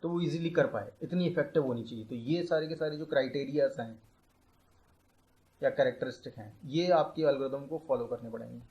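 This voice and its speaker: A young male tutor explains a computer science lecture step by step, mixing English terms into his speech and slowing down to dictate definitions. His voice is mid-range, and the audio sounds dull.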